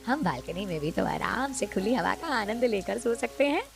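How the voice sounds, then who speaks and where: A woman voicing a bossy, thrifty middle-aged mother-in-law in a cartoon story, who gives commands in a lower voice. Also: lively intonation, moderate pace, creaky, music in the background. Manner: commanding, scheming.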